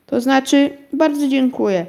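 A woman voicing a worried, polite little girl in a storybook reading, speaking in a high, urgent and pleading way. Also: unhurried, creaky, mellow.

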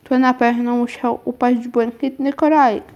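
A woman reading a children's story aloud in a calm, even way, with the odd small slip. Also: a little high, normal speed, muffled recording. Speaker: narrator.

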